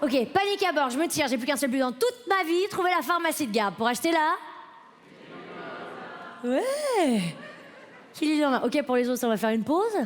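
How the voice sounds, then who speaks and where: A woman's voice: high-pitched, sing-song, moderate pace, long pauses, noisy background. A woman in her late twenties doing a stand-up comedy set on stage, chatty and self-mocking as she talks straight to the audience. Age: late 20s. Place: comedy festival stage before a live audience.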